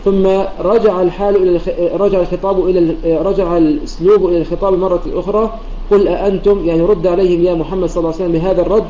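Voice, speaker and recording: Male recitation teacher, high-ish voice, brisk methodical lecturing with self-corrections, roomy dull online-chat sound. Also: fairly even intonation, warm tone, a little hiss or hum. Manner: methodical, restarts and repeats to clarify; quotes verses and poetry lines while explaining. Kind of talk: explanatory religious lesson.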